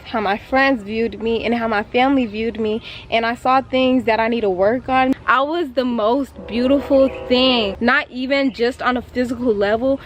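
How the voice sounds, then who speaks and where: A woman's voice: a little high, slight background noise. A young woman vlogger from Texas telling a personal story in a casual, earnest and reflective way.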